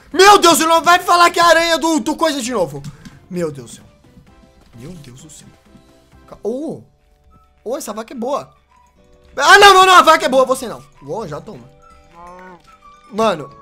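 A young man with a Brazilian Portuguese accent giving excitable, casual gameplay commentary, yelping and joking as he talks to the characters on screen. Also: high-pitched. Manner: excitable, yelps and laughs, talks to game characters. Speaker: gaming YouTuber.

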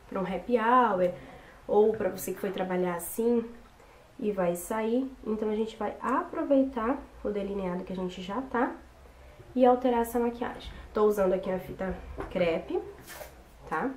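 A young woman, hoarse from a cold, chatting casually through a makeup tutorial. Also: on the high side, normal speed, a little mellow. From Brazil. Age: young adult. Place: small bedroom, indoors. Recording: roomy echo with background noise.

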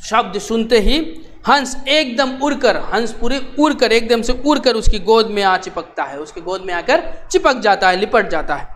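Male teacher, high-pitched, reads a play line by line and re-explains each in simpler words. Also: a bit bright. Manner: repeats each line, then paraphrases it plainly. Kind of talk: reading and explaining a play in a class lesson.

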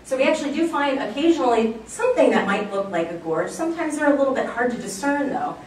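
A woman's voice: high voice, animated, quick pace, darkish tone. Enthusiastic woman lecturer, casual with fillers, recorded from afar in a roomy hall with faint noise. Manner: chatty and enthusiastic, many fillers. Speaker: archaeology lecturer. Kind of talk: public slide lecture. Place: lecture room, recorded from far off. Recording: very echoey room, distant mic, faint background noise.

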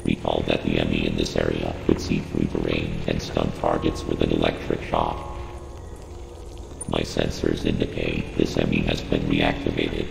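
A man plays a video game's computer intelligence, delivering formal, emotionless mission briefings in a robot-processed, synthetic voice that is extremely low, full of vocal fry, and exaggerated. He speaks at a moderate pace with completely flat, clipped, instructing delivery, cold and measured in mood. The scripted briefing plays over reverberant, echoing game audio and loud ambient noise.

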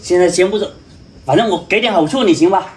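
A man's voice: high voice, fast, a little mellow, slight background noise, close to an everyday voice. A man in his thirties playing a pushy, evasive village chief in a rural comedy skit. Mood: urgent, coaxing. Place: outdoors at a village house doorway.

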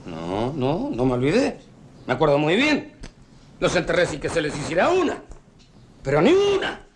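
An actor playing a bitter, disillusioned working-class husband with a Rioplatense Argentine accent, talking with sarcasm and scorn. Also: male voice, fairly high pitch, huge pitch swings, normal speed. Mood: grim. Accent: Rioplatense Argentine Spanish. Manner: sarcastic, scornful, repeats words. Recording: 1980s film soundtrack, faint hiss.

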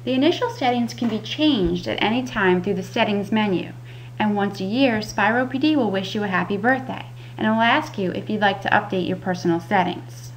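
A woman's voice: mid-range voice, brisk, rough recording. A woman giving scripted instructional narration as a patient education specialist. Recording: audible background noise with hum.

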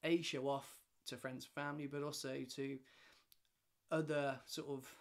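A man in his thirties speaks to a camera set up in a homely living room, explaining his firm's work in a loose, conversational way. He often backtracks and restarts, filling gaps with small hesitations, and his voice sits at an ordinary middle pitch. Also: flat delivery, normal speed. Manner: chatty, rambling with many restarts and fillers, gestures a lot. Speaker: lighting design company director. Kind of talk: casual talking-head explainer. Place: home living room with shelves and a stove. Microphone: camera in front, head and shoulders framing.

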